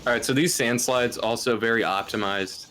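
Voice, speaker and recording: A man's voice: mid-range voice, normal speed, sharp tone. A tired man doing live speedrun commentary, rambling, giggling and tripping over his words.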